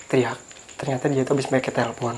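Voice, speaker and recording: A young man telling a personal story in a casual chat, animated and quick to laugh. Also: medium pitch, a little hiss or hum. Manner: fast, animated, laughs often and acts out voices. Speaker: guest storyteller.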